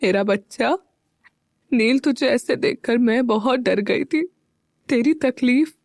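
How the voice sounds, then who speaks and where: A woman's voice: fairly high pitch, slow pace, gravelly, darkish tone, dry recording, clean studio sound. A woman voicing an affectionate, worried elderly grandmother in an audio story. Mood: fond worried. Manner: fond, fretful tone.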